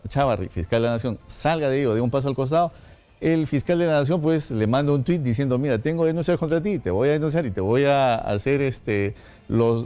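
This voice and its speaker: A man, a studio guest explaining legal points in measured answers with frequent hesitations. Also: mid-range voice, mellow. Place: radio studio.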